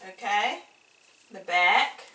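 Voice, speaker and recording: A woman's voice: medium pitch, lively intonation, extremely slow, bright, forceful tone. A woman casually reviewing a wig at home, chatty, drawing out her praise and calling viewers honey. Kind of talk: casual product review vlog. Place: home room with wigs on floor.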